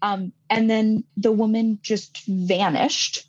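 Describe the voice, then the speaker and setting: A woman's voice: mid-range voice, slow, no room sound, muffled recording. A woman co-hosting a casual podcast, telling stories with lots of "like" and "you know". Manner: animated storytelling, says "like" often. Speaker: podcast co-host. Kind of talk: casual chat.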